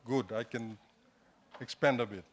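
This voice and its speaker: A man's voice: medium pitch, unhurried. A middle-aged man with a Fijian accent speaks to an audience in a hesitant, self-deprecating, conversational way. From Fiji. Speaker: guest speaker, entrepreneur. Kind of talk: informal public talk to an audience. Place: indoor hall, standing at a lectern.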